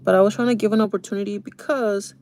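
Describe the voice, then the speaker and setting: A woman's voice: medium pitch, steady tone, quick pace, darkish tone, slight background noise. A woman in her thirties chatting casually to her viewers while doing her makeup, confiding and talking straight to them. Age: 30s. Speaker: beauty vlogger.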